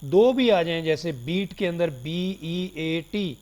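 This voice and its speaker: A man with a slightly high voice gives a recorded phonology lecture, slowly explaining terms and switching between Urdu and English. He addresses his listeners politely as "janab" and "dear students".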